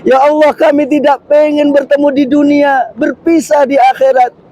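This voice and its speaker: A man with a strikingly high, mellow voice leads a congregation in fervent supplication. He pleads in rhythmic repeated refrains, his delivery earnest and devotional, like a preacher guiding pilgrims through prayer. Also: little pitch movement, moderate pace, poor audio. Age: adult, a father and husband. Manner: chanted Arabic prayer, then tearful pleading refrains in Indonesian. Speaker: ustadz leading pilgrims in prayer. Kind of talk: impassioned supplication. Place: large mosque courtyard, in public.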